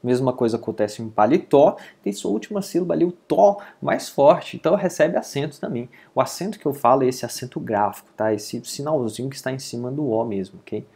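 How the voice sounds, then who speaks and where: Brazilian man teaching a lively lesson. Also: mid-range voice, a little fast, gravelly, few pauses, slightly rough. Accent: Brazilian Portuguese. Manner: patient, explanatory, keeps checking in with listeners. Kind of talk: online grammar lesson.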